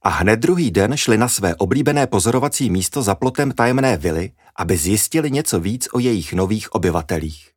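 A man reads a children's story aloud with lively expression. His voice is low and steady. The recording is close and dry, with no room sound. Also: hardly any pauses, husky, dry recording.

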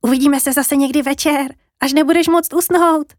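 A gentle little sheep from a bedtime story, kind and soft-spoken, voiced a touch higher than normal by a woman. Close, dry sound. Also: steady tone, no echo, natural voice.

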